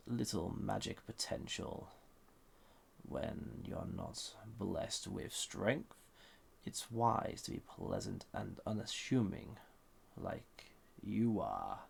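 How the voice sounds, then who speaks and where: In a roleplay audio drama, a man plays a banished, dangerous villain, murmuring smugly in a deep, husky, gravelly voice. The performance is exaggerated, flirty, and condescending.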